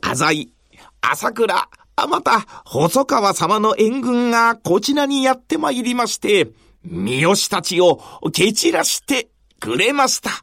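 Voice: mid-range voice, sing-song, takes it slowly, vocal fry, a bit bright, dry recording, studio quality, heavily acted. A storyteller voicing a male gate guard who reports formally and deferentially.

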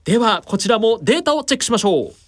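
A woman radio announcer presenting a racing show in a measured, polite announcer delivery. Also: on the high side, very animated.

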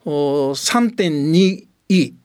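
A man's voice: fairly high pitch, expressive, drawn-out words, a little mellow, smooth, no echo, studio quality. An older man with a slight Tochigi lilt, a radio guest explaining at length in an earnest, emphatic way. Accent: Tochigi-tinged Japanese. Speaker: guest, former soccer coach and commentator. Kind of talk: radio studio talk.

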